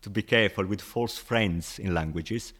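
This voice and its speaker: A man with a fairly low voice talks through his points patiently, stacking up examples the way a friendly teacher would. English is not his first language, and he keeps the tone relaxed and conversational, as a guest in an interview. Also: moderate pace. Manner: patient, explains with examples, chuckles often. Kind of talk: casual explanatory chat.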